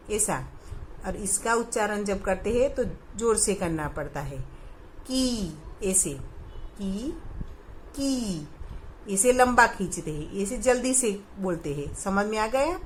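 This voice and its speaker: A woman's voice: mid-range voice, a little hiss or hum, rough recording. A woman teaching a recorded primary school lesson, patiently asking questions and answering them herself for the children.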